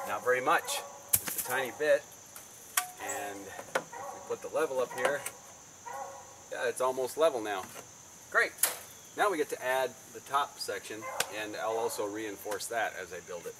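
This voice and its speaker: A man's voice: mid-range voice, normal speed, pauses often. A man, explaining a home repair project in plain, practical terms outdoors. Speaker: DIY video host. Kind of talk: casual how-to narration. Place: outdoors in a backyard. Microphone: camera mic from a few feet away. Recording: outdoor camera audio with insect noise.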